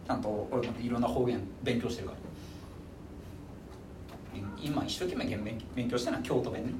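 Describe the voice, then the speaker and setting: A man teaching a high school history class in a casual, joking lecture style. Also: moderate pace, noisy background. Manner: casual, joking, lively delivery.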